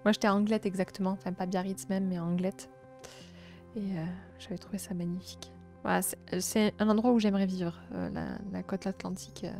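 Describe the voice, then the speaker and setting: A young woman from south-east France with a southern French accent, chatting gently with her live-stream viewers and filling pauses with hesitations. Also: medium pitch, fairly even intonation, soft background music. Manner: gentle, chatty, many fillers and restarts. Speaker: livestream host. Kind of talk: casual live-stream chat, reading chat.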